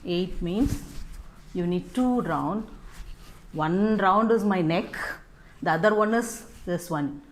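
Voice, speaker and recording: A woman walks through a hands-on demonstration at an easygoing, slow pace, breaking her instructions into short steps. She often adds a questioning "no?" at the end of a phrase. Clear noise sits behind her voice, with a dog heard now and then. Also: on the low side, rough recording. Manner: unhurried step-by-step instructions with frequent "no?" tags. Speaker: scarf styling tutorial host. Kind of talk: casual how-to demonstration.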